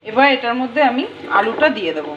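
A woman's voice: fairly high pitch, big pitch swings, quick pace, muffled recording, very noisy. Chatty woman vlogging in an echoey kitchen. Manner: chatty, addresses viewers directly. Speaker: family vlogger. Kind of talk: casual cooking vlog. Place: home kitchen.

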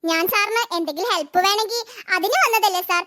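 Speaking quickly with a bright, forceful tone, a voice actor portrays a jealous cartoon office girl who schemes behind the scenes. She begs her boss in a sweet voice and drops low muttered asides.

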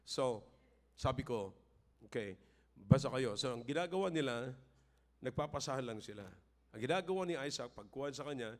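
Older Filipino pastor preaching earnestly. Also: male voice, mid-range voice. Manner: switches between earnest emphatic preaching and relaxed storytelling. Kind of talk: sermon.

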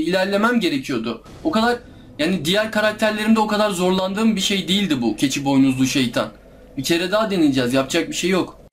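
A man's voice: a little high, slight background noise. Exasperated young man groaning through gameplay. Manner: exasperated, groaning and pleading at the game. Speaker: gameplay streamer. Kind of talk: live gameplay commentary.

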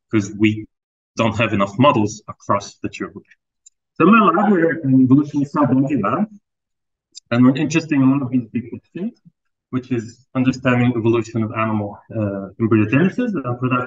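Speaking in a lecture room, a Palestinian man in his 30s who leads a research group presents a university seminar to students and postdocs. His delivery is casual and conversational, full of fillers and restarts, at a medium pitch, and the audio sounds dull.

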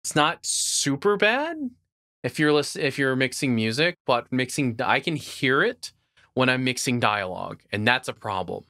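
A man's voice: medium pitch, very animated, measured pace, sharp tone, no room sound, clean studio sound. A man co-hosting a podcast, chatting casually and opinionated about audio gear. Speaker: podcast co-host.

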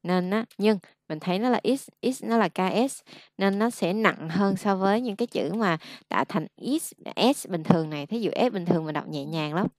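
A patient woman, coaching a student through pronunciation. Her voice is slightly low and recorded dry and close, with no room around it. She models each sound and explains where the lips and tongue go. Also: normal speed, few pauses, a little mellow, no echo. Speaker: English pronunciation teacher. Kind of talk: one-on-one pronunciation lesson.

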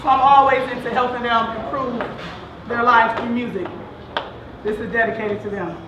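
A woman performing spoken word poetry on stage, rhythmic and rising to shouts. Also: fairly high pitch, fairly even intonation, moderate pace, dull audio, background noise. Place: large hall. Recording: echoey hall from far off.

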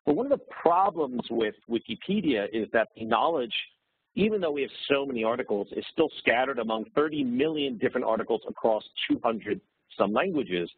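A man's voice: mid-range voice, huge pitch swings, brisk, gravelly, slightly rough, no echo. A man speaking on a phone to present a webinar, explaining steadily with fillers. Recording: dry, tinny phone line.

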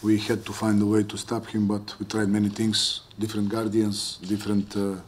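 A middle-aged man, a head coach, speaking at a post-game press conference in measured English with pauses. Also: on the low side, monotone, slight background noise. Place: press conference room, seated at a table. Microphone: table mic.

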